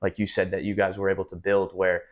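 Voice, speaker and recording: Young male podcast host, lowish voice, thoughtful long-winded questions, small studio. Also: monotone, fast talker, highs cut off. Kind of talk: casual interview. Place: small indoor studio room.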